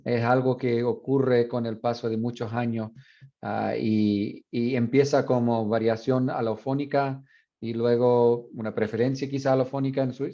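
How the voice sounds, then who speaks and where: A university teacher explaining sound changes in a bilingual classroom lecture, mixing in English asides with frequent fillers. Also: male voice, medium pitch, warm tone, lo-fi sound. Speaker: university Spanish phonetics teacher.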